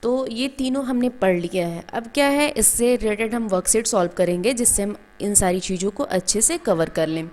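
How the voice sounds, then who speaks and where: A woman's voice: mid-range voice, moderate pace, hardly any pauses, a little mellow. A woman teaches a school grammar lesson. She explains each point step by step, poses questions and answers them herself, and addresses her students fondly. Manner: calls students "beta".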